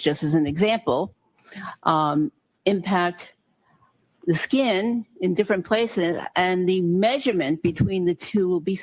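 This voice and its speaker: Female doctor as courtroom expert witness. Slightly low voice, cautious, halting, qualifies her answers. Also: poor audio. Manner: careful, qualifying, halting with repeated word starts. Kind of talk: courtroom testimony.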